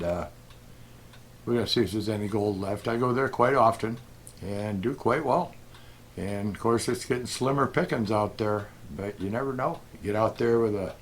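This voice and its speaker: A middle-aged man telling a story in a casual, rambling way, full of fillers and soft chuckles, as a gold prospecting vlogger. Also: lowish voice, a little hiss or hum. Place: outdoors at a desert detecting spot.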